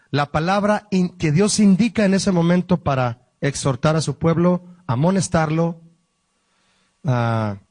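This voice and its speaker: Spanish-speaking pastor teaching a Bible lesson. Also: male voice, a little high, a little mellow, no echo. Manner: teaching, asks the listeners questions; explains word meanings slowly.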